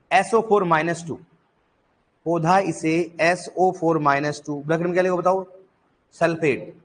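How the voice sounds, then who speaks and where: A high-pitched male agriculture teacher lectures his class, quizzing students, repeating the key answers and cracking the occasional joke.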